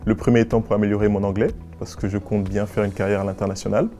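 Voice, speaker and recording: A nineteen-year-old man from West and Central Africa, a business school student giving formal, measured and articulate interview answers. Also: on the low side, flat delivery, mellow, soft background music. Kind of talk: prepared interview answers to camera.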